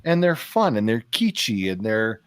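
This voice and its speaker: A man co-hosting a casual car podcast, telling stories with animated quoted voices. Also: fairly low pitch, moderate pace, smooth, no echo. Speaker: podcast co-host.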